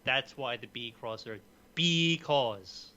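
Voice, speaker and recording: A man's voice: medium pitch, slow, sharp tone, highs cut off. A man co-hosting a casual comedy show, telling a dad joke in a conversational way.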